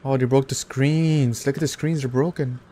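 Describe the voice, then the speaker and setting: A man hosting a reaction video, giving casual commentary in an animated, slangy, ranting way. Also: mid-range voice, moderate pace, slight background noise.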